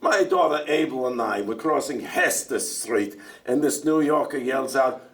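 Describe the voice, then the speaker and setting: A man's voice: mid-range voice, animated, a little slow. A chatty old immigrant dairyman. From Russia. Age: older. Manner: talkative, joking, stammers and asks back. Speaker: stage actor in a one-man show. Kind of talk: theatrical monologue. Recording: stage voice heard from far off.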